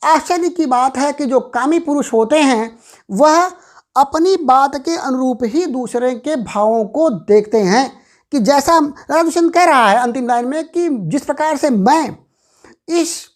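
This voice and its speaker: A woman's voice: high-pitched, darkish tone. A woman teaching a Sanskrit verse, repeating each word and explaining its meaning one by one. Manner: repeats each word then glosses it with "माने".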